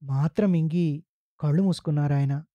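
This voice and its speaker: A man narrating a literary short story for a podcast, with slow, solemn, deliberate phrasing. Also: fairly high pitch, warm tone, dry recording, highs cut off.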